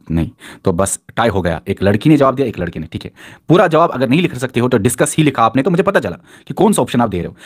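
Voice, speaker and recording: This husky, medium-pitched male teacher leads a quiz class live online. He's upbeat and encouraging as he reads what students answered, heaping on the same praise over and over.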